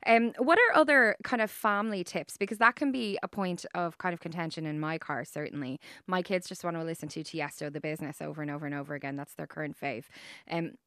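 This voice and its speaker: A middle-aged woman hosting a radio chat, relaxed and agreeable, asking her guest for suggestions. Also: sits low, fast, no room sound, clean studio sound. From Ireland. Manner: relaxed, agreeable, asks questions. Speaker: radio host.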